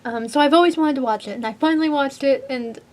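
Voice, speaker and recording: A woman's voice: high-pitched, quick pace. A young woman vlogging a convention haul in a bubbly, giggly, gushing way, full of "like". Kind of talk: casual convention haul vlog.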